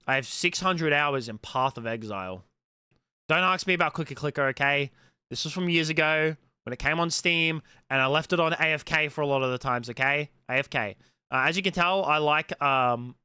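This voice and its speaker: In a studio-quality recording with no room sound, a man in his late twenties with a mild Australian accent chats casually as a streamer. His medium-pitched voice is pushed, bright and smooth, and he answers viewer comments bluntly and profanely, full of fillers.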